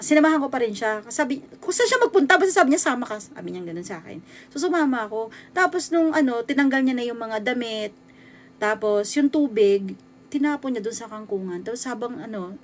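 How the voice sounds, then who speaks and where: A woman in her thirties from the Philippines, telling a true horror story in a casual, halting way with many restarts. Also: a little high. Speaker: vlogger.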